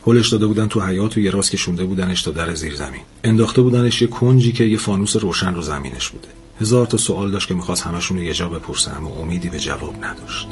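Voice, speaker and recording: Deep-voiced man narrating a novel. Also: hardly any pauses. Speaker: audiobook narrator.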